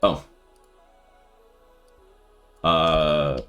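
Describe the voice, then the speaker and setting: A man streaming live and thinking out loud with casual commentary, laughing often. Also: rumbling low, little pitch movement, drawn-out words, clear, resonant tone, lo-fi sound, soft background music. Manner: thinking aloud, frequent laughter.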